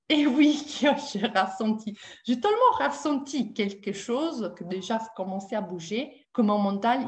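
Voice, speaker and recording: A woman with an Italian accent leading a webinar as a dance-movement therapist, talking to her audience with many hesitations and questions. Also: mid-range voice. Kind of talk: live webinar talk.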